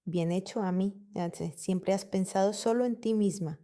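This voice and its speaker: A woman's voice: medium pitch, a little slow, warm tone, lightly acted. A woman reading the messages of a spiteful brother who speaks with scorn. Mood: scornful.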